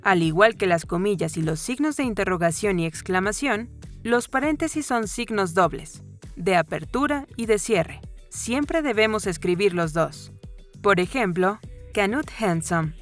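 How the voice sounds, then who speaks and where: Woman narrating a grammar lesson. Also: mid-range voice. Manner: calm, even read with clear pauses. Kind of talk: scripted educational narration. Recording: voice-over with faint background music.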